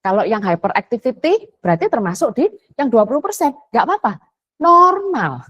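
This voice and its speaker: A woman's voice: on the high side, big pitch swings, normal speed, a bit bright, lo-fi sound. A woman, giving a chatty parenting talk and slipping into English phrases. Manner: chatty, mixes English phrases, acts out quotes. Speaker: parenting educator.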